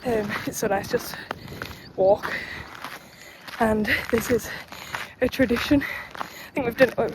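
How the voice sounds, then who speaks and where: A woman chatting casually to camera while out on a mountain hike, upbeat and quick to laugh. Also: fairly high pitch, fairly even intonation. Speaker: travel vlogger. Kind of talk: casual vlog chat to camera. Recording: noisy outdoor ambience.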